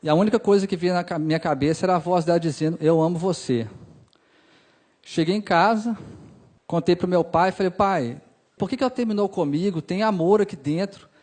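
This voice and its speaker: A young man with a Brazilian Portuguese accent tells a personal story to listeners. His voice sits high, and he acts out the lines of dialogue with open emotion, dropping softer for the sad parts. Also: brisk.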